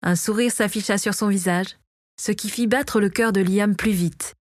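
A woman reading a fantasy novel aloud as narrator, in a steady storytelling voice, close to the mic. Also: mid-range voice, moderate pace, dry recording. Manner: steady, even storytelling read. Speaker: audiobook narrator. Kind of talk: scripted narration.

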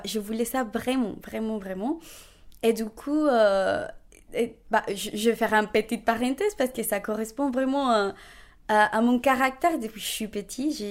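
A young woman in her twenties from Colombia, speaking French with a Colombian Spanish accent, telling her story in an animated way with frequent restarts and laughter. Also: fairly high pitch. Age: 20s. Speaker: interviewee. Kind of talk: conversational testimony.

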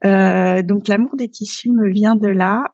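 A Frenchwoman in her thirties appears as a podcast guest, speaking casually and hesitantly with lots of fillers and restarts in a casual interview. Her medium-pitched voice is steady, unhurried and somewhat dark, and the recording is dull but free of echo.

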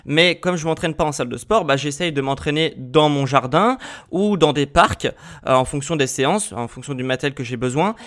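A man hosting a podcast, explaining health and fitness casually to the listener, with many filler sounds, restarts and quick check-ins. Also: on the high side, fairly bright tone. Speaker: podcast host.

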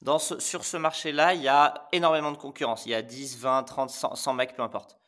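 A man's voice: medium pitch, steady tone, a little fast, a bit bright. A man hosting a podcast, asking questions and recapping his guest's points in a casual tone. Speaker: podcast host. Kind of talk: casual interview chat.

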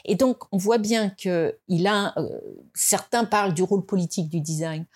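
A woman from France speaking as a guest in an interview, reflective and hesitant, with many fillers and restarts, and rising in pitch to stress her points. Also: moderate pace, a little mellow, husky. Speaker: design expert guest. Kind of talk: conversational interview.

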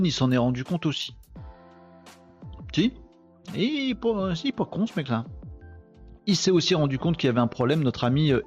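A man's voice: medium pitch, darkish tone, muffled recording. A man hosting a live online show, chatting casually and mocking himself with lots of fillers. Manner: joking, self-mocking, chatty with many fillers. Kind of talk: casual live-stream chat.

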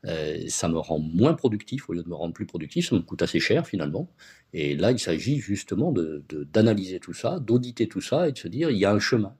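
A man's voice: low voice, big pitch swings, fairly quick, a little mellow. A man being interviewed as a guest on a podcast, explaining things step by step with concrete examples. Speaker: guest, agency founder.

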